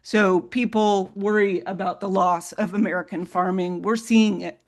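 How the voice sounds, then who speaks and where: A woman speaks as a resident giving public testimony. Her voice trembles steadily, with an audible wobble running through her words. The pitch sits in a middle range. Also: fairly even intonation, moderate pace. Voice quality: trembling, wobbly voice from a vocal cord tremor.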